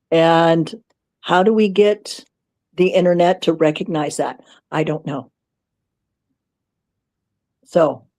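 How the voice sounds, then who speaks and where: A woman with a mellow, soft-toned voice speaks on a panel. She is pensive and deliberate, leaving long pauses between phrases as she reflects. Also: lowish voice. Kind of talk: reflective closing remarks.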